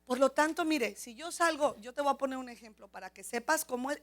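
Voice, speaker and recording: A middle-aged Mexican woman preaching from the pulpit in a high, bright, ringing voice. She tells lively, funny stories and builds to forceful, near-shouted points. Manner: animated, humorous storytelling, rising to near shouts. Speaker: pastor. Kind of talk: sermon.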